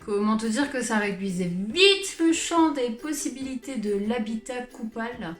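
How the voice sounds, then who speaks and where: A woman's voice: fairly high pitch, lively intonation, normal speed. Self-mocking young woman in an echoey room. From born in Switzerland, Portuguese family. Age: late 20s. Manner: colloquial, self-mocking, rambling with sighs and laughs. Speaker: vlogger, channel host. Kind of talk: casual confessional chat to camera. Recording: roomy echo with music underneath.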